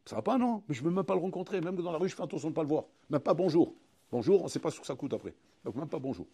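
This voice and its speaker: Animated rabbi giving a class, man with a fairly high, husky voice, talks straight to the room and plays out dialogues. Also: rapid-fire. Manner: animated, addresses listeners directly, acts out little dialogues. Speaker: rabbi teaching a Torah class. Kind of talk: recorded Torah lesson.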